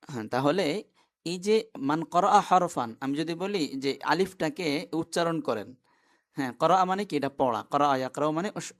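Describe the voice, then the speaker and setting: A man's voice: a little high, creaky. A man teaching an online class, who explains step by step and keeps asking his students questions.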